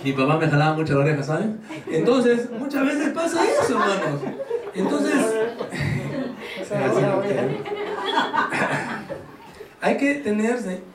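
Man, pastor, sermon, high voice, joking, rhetorical questions, echoey hall, distant mic. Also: wildly swooping pitch, slow, long pauses, over a noisy crowd. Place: church hall.

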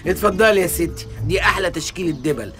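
Fast-talking Egyptian shopkeeper. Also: male voice, sits high, expressive, fairly bright tone, faint music behind. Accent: Egyptian Arabic. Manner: fast, teasing, wheedling. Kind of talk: comic radio drama.

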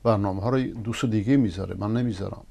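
A man's voice: fairly low pitch, vocal fry, slight background noise. A man hosting a religious TV program, reading viewers' messages and preaching emphatically. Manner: emphatic, rising to forceful denunciation. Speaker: preacher and TV host. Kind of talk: religious TV talk answering viewers.

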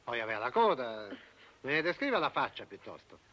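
A solemn cardinal. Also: male voice, mid-range voice, very animated, fairly bright tone. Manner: slow, measured, dignified. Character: solemn male church dignitary, measured.

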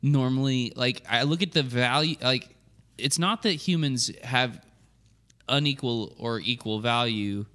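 A man in his thirties with a bright, forward voice tells rambling stories in relaxed podcast chat. He breaks into laughter mid-sentence and keeps talking through it. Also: medium pitch, unhurried. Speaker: podcast co-host. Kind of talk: casual chat.

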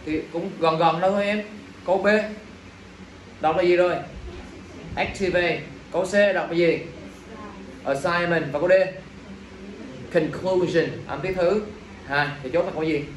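A man's voice: on the high side, fairly even intonation, moderate pace, pauses often. A male teacher running an exam review lesson, drilling his students with constant check-in questions in a classroom. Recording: echoey room, mic at a distance, faint ambient noise.

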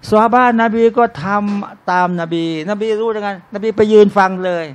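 A man with a high-pitched voice teaches a room full of listeners in a relaxed, conversational sermon. He keeps addressing them as brothers and sisters and throws rhetorical questions at them. He slips into short, jokey everyday scenes along the way. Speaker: Islamic religious teacher. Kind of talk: informal sermon to a live audience. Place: restaurant used as a talk venue.

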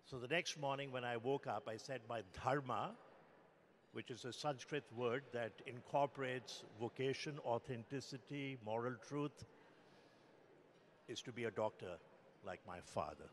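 An older man from India tells a story at a measured pace with a dramatic edge. His voice sits at an ordinary pitch. It rings with the long reverb of a big event hall. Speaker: physician panelist. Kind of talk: storytelling in a panel talk.

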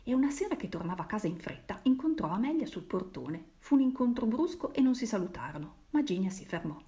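A woman's voice: medium pitch, big pitch swings, fast, warm tone. A woman reading a literary novel aloud, changing her voice for the characters' lines. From Italy.

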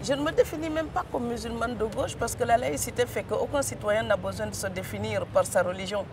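A woman's voice: fairly high pitch, brisk, background noise. A woman from Senegal with a Senegalese French accent and rolled R's, speaking emphatically with frequent hesitations as an interview guest. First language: Serer. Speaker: author guest. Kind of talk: studio interview.

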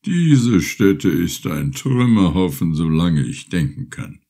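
Bent old village elder, slow and halting, low gravelly voice, as a male narrator puts him on. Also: sing-song, warm tone, exaggerated voice.

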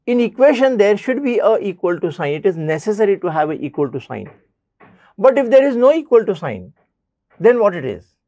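A man's voice: high voice, very animated, fairly quick, mellow, no echo. A man teaching a basic math lesson. He addresses students directly and repeats key points.

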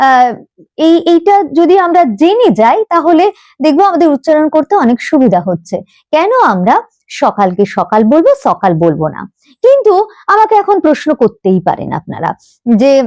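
A woman's voice: sits high, a little mellow, dry recording, clean studio sound. A woman teaching pronunciation in a spoken lesson, asking questions and stressing words as she explains.

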